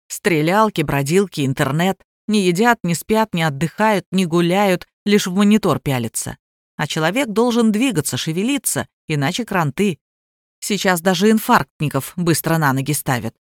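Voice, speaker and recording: A woman voicing a gruff, tired older male doctor in an audiobook reading. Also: on the low side, animated, normal speed, dry recording, clean studio sound, lightly acted. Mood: grumbling. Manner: gruff, grumbling.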